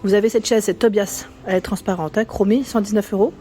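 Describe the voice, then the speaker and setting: A woman with a mid-range, steady, dark-toned voice talks fast while vlogging her walk through a large furniture store. She chats casually, reading out prices and sizes and tacking on plenty of fillers.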